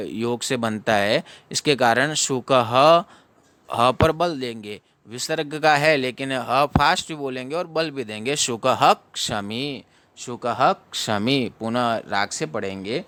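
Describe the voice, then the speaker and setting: A man teaching recitation, sounding out syllables slowly and explaining briskly. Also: mid-range voice, a bit bright, clean tone. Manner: chants verses slowly in a melodic tune. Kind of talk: recitation lesson.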